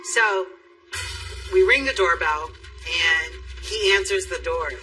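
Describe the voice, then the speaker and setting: A man's voice: high-pitched, takes it slowly. A man interviewed for a documentary, retelling events casually with many fillers. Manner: chatty, filler-heavy. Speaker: friend interviewee. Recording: distant mic with loud music.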